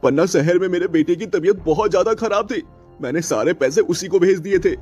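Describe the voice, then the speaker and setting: A man's voice: high voice, brisk, darkish tone, breathy edge, soft background music. A man voicing an honest, loyal village farmer in a cartoon story, talking in an earnest, pleading way. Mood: hurt.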